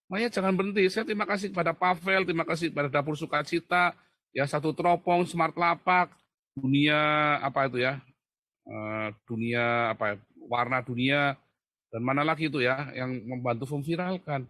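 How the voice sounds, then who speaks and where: Forceful, mocking male livestream ranter. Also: a little high, moderate pace, dry recording, studio quality. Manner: animated and mocking, often addressing listeners as brothers. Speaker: livestream commentator. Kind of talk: fiery livestream monologue.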